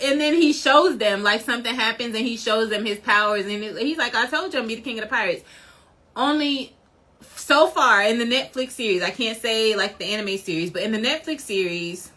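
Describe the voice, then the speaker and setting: A woman chatting casually as a vlogger, rambling and animated and laughing often. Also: medium pitch. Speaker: vlogger reviewing a series. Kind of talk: casual chat.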